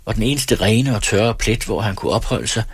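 A man narrating an audiobook in a steady, even storytelling manner, close to the mic. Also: on the low side, slightly rough, dry recording.

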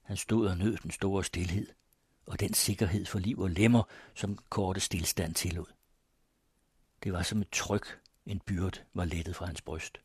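A man narrating a story in a measured, even reading voice. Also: low-pitched, slightly rough, no echo, clean studio sound. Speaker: audiobook narrator. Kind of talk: scripted narration.

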